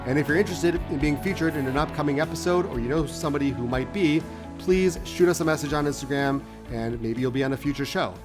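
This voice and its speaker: A man hosting a podcast interview, upbeat and chatty, warmly welcoming his guests. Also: a little high, quick pace, music in the background. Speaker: podcast host.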